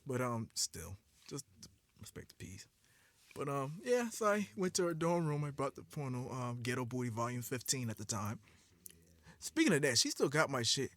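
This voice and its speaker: A man in his thirties telling a story on a podcast, lively and laughing, with a close dry mic sound. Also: mid-range voice, normal speed. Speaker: podcast co-host. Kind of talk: casual storytelling chat.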